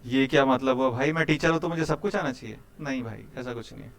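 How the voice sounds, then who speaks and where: A man's voice: mid-range voice, fast, fairly bright tone. A young man teaching a live coding class, chatty and teasing, quizzing his students as he goes. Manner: chatty, quizzes students, keeps saying "bhai".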